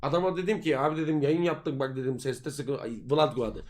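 A man live streaming, chattering nonstop to his viewers in expressive, complaining, swear-filled slang. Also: a little high, a little fast. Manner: foul-mouthed, slangy. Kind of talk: casual livestream chat with viewers.

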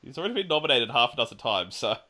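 Male podcast host, lively pitch, bright tone, runs the round with quick laughs. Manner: laughs often, moderates the votes. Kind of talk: casual panel chat.

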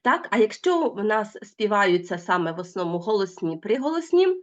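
A woman teacher giving an online school lesson to children, talking straight to the pupils and drawing out the example words slowly. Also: medium pitch, highs cut off. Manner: lively, addresses pupils directly, drawn-out example words.

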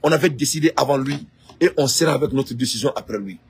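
A Malian political activist with a Malian French accent delivers an impassioned address, repeating phrases, posing rhetorical questions, and moving between French and Bambara. His mid-range voice is quick and a little mellow, with some hiss or hum in the recording.

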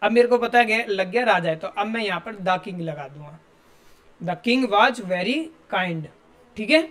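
High-pitched male teacher explaining grammar. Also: brisk, a bit bright. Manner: explains step by step, asks students questions. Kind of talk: classroom grammar lesson.

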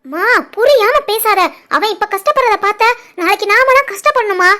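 A woman voicing a scheming young village woman in an animated family drama, complaining and insistent, with a southern Tamil Nadu village dialect. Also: very high voice, normal speed, heavily acted. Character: sharp-tongued scheming young village woman, sister-in-law.

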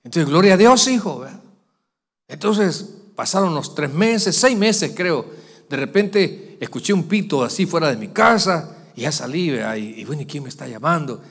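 A pastor tells a story from the pulpit in a fairly high voice. He acts out each person's lines with animated swings, and his voice rings through the long reverb of a church hall. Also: moderate pace, creaky, slightly rough. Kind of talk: storytelling sermon.

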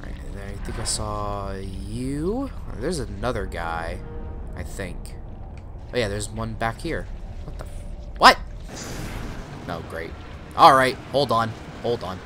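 Man, casual let's play commentator, sarcastic asides, lively pitch swings, clear background noise. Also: slow. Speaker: gamer, let's player. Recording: clearly noisy, game ambience behind.

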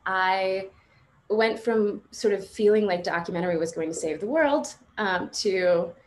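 On a panel video call from her home, a woman in her thirties shares her personal testimony informally, speaking in a halting, reflective way with frequent filler phrases. She was born and raised in Morocco until age seven, then moved to the United States. Her pitch is medium, and the noisy call audio carries room ambience.

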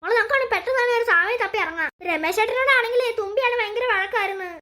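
Woman voicing a cartoon mother, anxious, soothing, high, fast. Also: sharp tone. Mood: worried. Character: worried caring mother.

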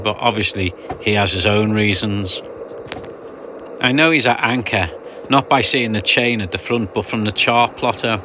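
A man with a somewhat low voice talks through a sailing passage in a relaxed voice-over. He explains things patiently and slips in dry jokes. A clear, steady hiss runs under the recording. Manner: chatty, explanatory, dry humour. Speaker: sailing vlogger narrating a passage.

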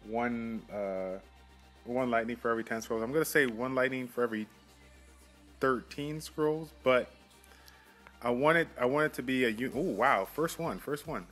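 A young man hosting a mobile game channel, casually commenting on his summons with quick excited outbursts, recorded on a phone mic. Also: medium pitch, faint music behind.

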